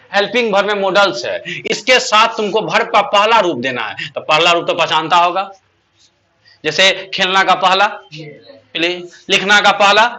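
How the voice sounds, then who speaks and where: A man's voice: sits high, bright, forceful tone. A man teaching a class, drilling students by asking questions and answering them himself. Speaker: English teacher. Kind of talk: classroom lesson.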